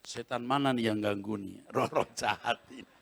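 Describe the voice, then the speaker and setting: A male pastor preaching a sermon with animated storytelling, often laughing and acting out scenes, in a convention hall. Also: lowish voice, moderate pace, gravelly. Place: large convention hall, Christmas service.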